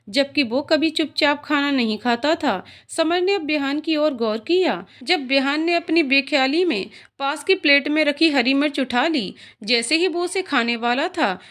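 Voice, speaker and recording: High-voiced woman storyteller. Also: fairly bright tone. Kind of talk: scripted story narration.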